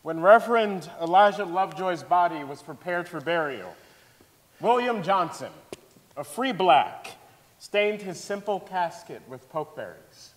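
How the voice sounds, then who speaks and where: On a large indoor theatre stage, a man narrates a scripted dramatic reading in a high-pitched voice with big pitch swings at a measured pace. The hall gives the recording a strong echo.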